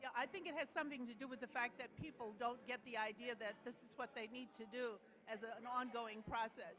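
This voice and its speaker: A woman interviewing guests at an event, asking soft, encouraging questions. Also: a little high, fairly even intonation, fast. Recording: muffled lo-fi video sound.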